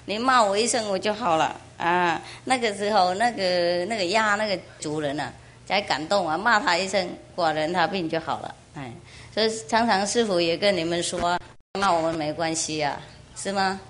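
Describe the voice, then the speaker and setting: A woman from Taiwan, a spiritual teacher, telling a moral story in a chatty, animated way and often asking listeners questions. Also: lowish voice, normal speed. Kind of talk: storytelling sermon.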